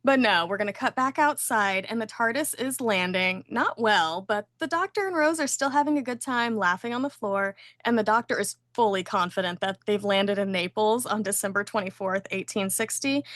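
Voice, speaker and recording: A woman's voice: mid-range voice, expressive, moderate pace, a bit bright, dry recording. A woman hosting a podcast, recapping an episode in a playful, gushing way. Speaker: podcast host.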